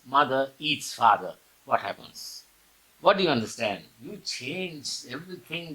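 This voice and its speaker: A man teaching an English grammar lesson, explaining slowly and repeating key words, with the odd cough. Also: medium pitch, pushed and bright, rough recording. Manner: occasional coughs and throat clearing.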